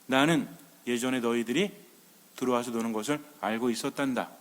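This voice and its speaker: A man voicing a gentle, protective uncle in a fairy tale, speaking softly and calmly. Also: mid-range voice, brisk, pitched below the performer's own voice, natural voice. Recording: long reverb.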